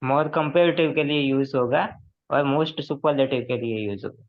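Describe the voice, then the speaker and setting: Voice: medium pitch, unhurried. A student answering the teacher's questions in an online English class, hesitant and correcting their own answers. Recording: muffled online class audio.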